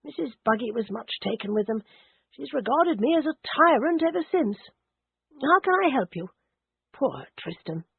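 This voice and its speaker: A gentle old vicar speaks in a mild and apologetic way, and his pitch moves around a lot, as a woman narrator reads him. The voice is a little breathy. The sound is dry and narrow, like a phone line. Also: sing-song, moderate pace, full character voice. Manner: mild, soft-spoken, refined.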